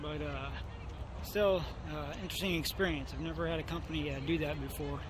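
A man's voice: on the high side, fairly even intonation, fairly quick. A middle-aged man vlogging casually with a handheld camera on the outdoor deck of a boat at night, rambling with wry asides. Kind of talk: casual vlog narration. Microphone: handheld camera at arm's length. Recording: loud wind and boat noise. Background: wind and engine noise.

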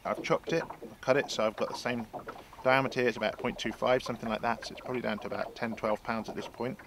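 In a steady, mid-range voice, a fishing guide in his sixties talks fast as he explains his tackle setup from a small boat on a lake. His how-to is chatty and explanatory, full of restarts, and the recording picks up wind and water outdoors.

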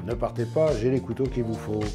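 A man with a hoarse, nearly lost voice, hosting a casual knife review in a chatty, joking way. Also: medium pitch, brisk, over music. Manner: chatty, jokey, tags lines with "hein". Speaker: knife review channel host.

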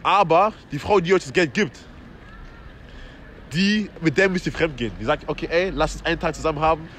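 A young man from western Germany hosting a street comedy interview outdoors on a shopping street, talking into a handheld mic in an energetic, rambling way full of slang and English phrases. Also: on the high side, fairly quick, slight background noise. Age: young adult. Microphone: handheld microphone.

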